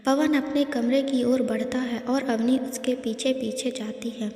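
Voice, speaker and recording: A woman narrating a story in an even, unhurried storytelling manner, recorded in an echoey room. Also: fairly high pitch. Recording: echoey room with long reverb.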